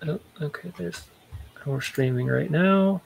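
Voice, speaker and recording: A man's voice: a little high, unhurried, gravelly, slight background noise. A man chatting casually as a guest on a gaming talk stream, heard over a video call. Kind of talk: casual chat.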